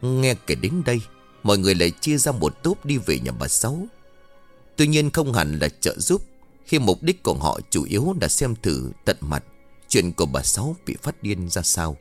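A man's voice: sits low, big pitch swings, normal speed. A man narrating a scripted horror story in a somber, dramatic way. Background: faint music.

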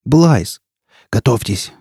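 A man voicing a wounded mercenary, hoarse and frantic in a storybook reading. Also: medium pitch, lively intonation, slow, warm tone, dry recording, clean studio sound, exaggerated voice. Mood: panicked.

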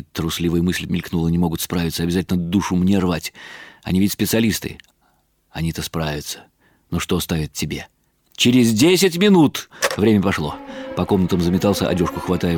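For a radio drama, an actor plays a tired, wry middle-aged writer who is both narrator and lead, telling his own story through ironic inner monologue. His voice is low and only lightly acted.

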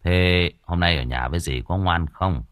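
A man voicing a gentle, hardworking young father who speaks softly and tenderly. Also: deep voice, normal speed, smooth, no room sound, clean studio sound, pitched below the performer's own voice. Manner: soft, tender and worried.

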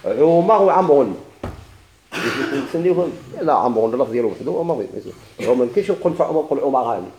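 A man's voice: medium pitch, animated, very fast, few pauses, roomy sound, noisy background. A man with a Moroccan Arabic accent teaching a grammar lesson, asking questions and answering them himself with repeated examples.

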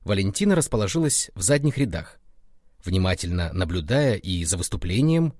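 A man reading a story aloud in a measured, expressive narration. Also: deep voice, no echo, studio quality.

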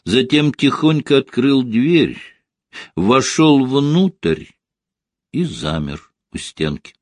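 This is scripted audiobook narration by a man with a mid-range voice, delivered calmly and evenly like a storyteller. The recording is dry and studio quality.

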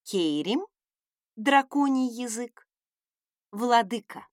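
A woman's voice: fairly high pitch, expressive, takes it slowly, no echo, studio quality. A woman reading a first-person audiobook with a wry, sardonic delivery. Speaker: audiobook narrator.

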